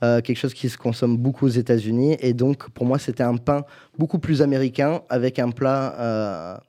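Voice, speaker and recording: A man's voice: medium pitch, moderate pace, dark tone. A man, a chef, describing his dishes in a casual chat, speaking hesitantly with many fillers.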